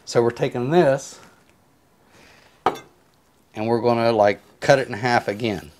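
A home cook talks through a simple recipe as he cuts and seasons, relaxed and unhurried, rambling through step-by-step explanations with filler words in a casual cooking tutorial. His mid-range voice is picked up close on a clip-on lapel mic in a home kitchen, with a noisy background.

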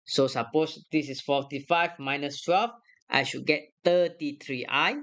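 Slow, careful math lecturer. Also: medium pitch, a bit bright. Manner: works aloud step by step, checking their own sums. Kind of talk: screen-recorded math lesson.

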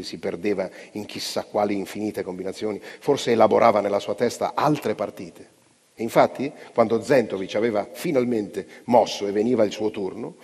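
Gravelly man reading aloud in a hall. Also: fairly low pitch. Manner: expressive, dramatic narration. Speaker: reader. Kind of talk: live reading of a novella. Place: large hall on stage. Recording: long hall reverb.

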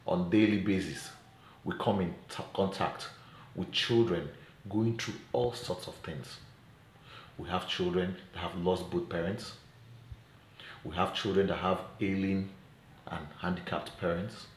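A middle-aged Nigerian-accented man, a child welfare advocate and presenter, makes an earnest vlog appeal to camera in a low voice with fairly even intonation, deliberate and emphatic and using rhetorical questions. He records on a phone held at arm's length in a small indoor room at home, which sounds roomy with faint background noise.

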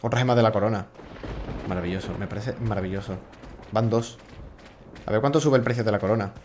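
A man's voice: on the low side, quick pace, background noise. A man doing casual, joking gameplay commentary, swearing freely and talking to the characters on screen. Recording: game music playing behind.

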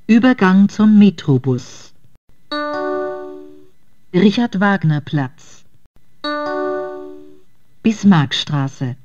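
Female train announcer heard over the intercom. Low-ish voice, very slow and clipped, with muffled lo-fi sound. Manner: measured, clipped station calls. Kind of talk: recorded station announcements. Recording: dull lo-fi intercom audio.

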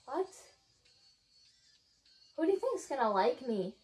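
Young woman with a higher-pitched voice. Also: big pitch swings, slow pace, a little mellow, soft background music. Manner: repeats phrases to a partner who can't hear. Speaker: challenge video participant. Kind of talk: casual playful banter in a lip-reading game. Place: small bedroom, indoors.

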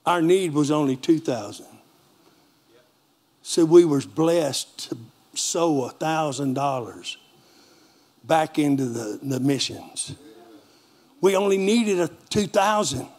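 A man preaching a lively sermon in a church with a Texan accent, calling for amens from the congregation. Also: a little high, slow pace, long pauses. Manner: animated preaching with call-and-response. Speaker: pastor.

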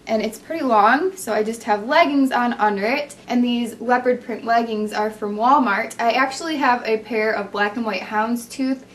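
A woman's voice: a little high, fairly bright tone. A young woman from the United States, chatting casually and rambling through her outfits in a fashion vlog, joking about herself. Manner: chatty, self-mocking, rambling. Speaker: fashion vlogger.

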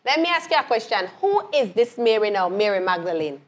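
A woman's voice: medium pitch, big pitch swings, fairly quick. A woman leading a Bible lesson, retelling the story and asking her co-hosts questions. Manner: asks questions and answers them herself, repeating phrases.

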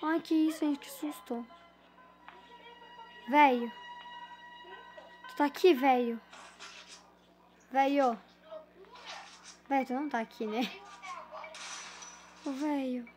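High-pitched nervous Brazilian woman gamer. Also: fairly even intonation, slow pace, pauses often, a little mellow, soft background music. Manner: nervous, addresses viewers. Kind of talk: casual horror game commentary.

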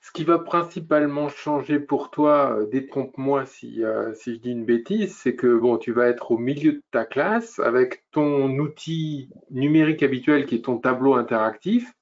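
Guy moderating a webinar, calm and checking what he understood, dull lo-fi call audio. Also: medium pitch, normal speed, hardly any pauses. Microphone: video call.

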